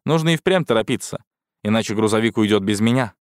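A man's voice: fairly low pitch, animated, fast talker, clear, resonant tone, no echo, studio quality. A man reading a first-person science fiction audiobook in a wry, sardonic tone. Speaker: audiobook narrator. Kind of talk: scripted first-person sci-fi narration.

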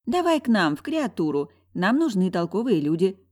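A woman voicing a fashionable young female friend who talks loudly and breezily, urging her pal on. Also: medium pitch, big pitch swings, moderate pace. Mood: persuading. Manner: loud, breezy, persuasive.

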